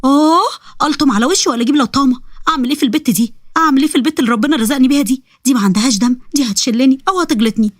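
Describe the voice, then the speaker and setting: A woman's voice: sits high, racing, dry recording, clean studio sound. A woman voicing an exasperated middle-aged mother with an Egyptian accent who scolds and laments. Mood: scolding.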